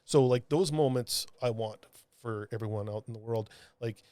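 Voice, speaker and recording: A man, a comic book artist, telling a heartfelt story in a podcast interview, halting with many restarts and fillers. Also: mid-range voice, warm tone, dry recording. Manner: earnest, heartfelt.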